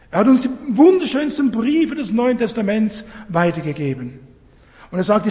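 A man preaching a sermon, emphatic, asking rhetorical questions and dropping low and quiet for solemn points. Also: big-room sound.

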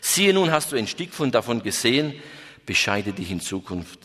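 A man putting on a stern, slow angel. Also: medium pitch, very animated, a bit bright, husky. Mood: solemn. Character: solemn male angel disguised as travel companion. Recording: reverberant hall.

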